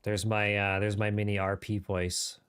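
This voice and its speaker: A man's voice: on the low side, monotone, moderate pace, fairly bright tone, clear, resonant tone. A man streaming a game live, chatting casually and riffing off the cuff in a rambling way. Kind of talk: casual livestream chat while gaming.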